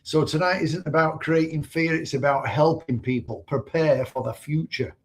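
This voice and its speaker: A Manchester man with a Mancunian accent co-hosts a casual live stream, rambling conversationally and using plenty of fillers. His voice is fairly high, with fairly even intonation and a moderate pace.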